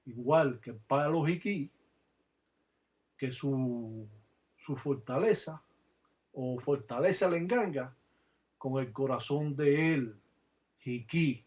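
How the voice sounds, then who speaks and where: A man's voice: mid-range voice, slow, long pauses, darkish tone. A man teaching religious practice to his viewers over a webcam. He talks to them directly, in an instructive way, and is sometimes scornful of other teachers.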